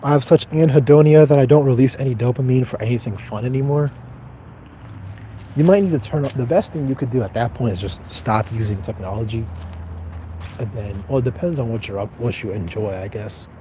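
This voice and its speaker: A young man in his twenties with a dark, mellow voice talks casually on a livestream. He answers viewers in a blunt, offhand way and swears freely. A faint hum of noise sits behind him. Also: mid-range voice. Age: 20s. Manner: blunt, profane, detached and offhand. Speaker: livestreamer reading chat.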